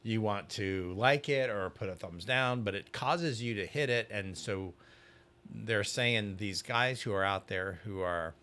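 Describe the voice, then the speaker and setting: A man co-hosting a relaxed podcast conversation, telling stories and often quoting others. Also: on the low side, unhurried. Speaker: co-host. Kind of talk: casual conversation. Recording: faint background noise.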